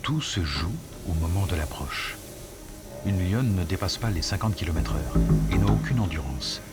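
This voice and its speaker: A man reading scripted nature documentary narration in a measured, explanatory storytelling manner. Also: sits low, animated. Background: music under the voice.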